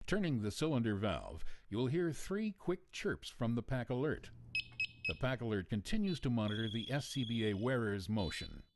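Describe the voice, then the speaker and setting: A man reading scripted instructional narration in a measured, procedural, clearly phrased manner, as for a training video. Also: medium pitch, darkish tone, no room sound.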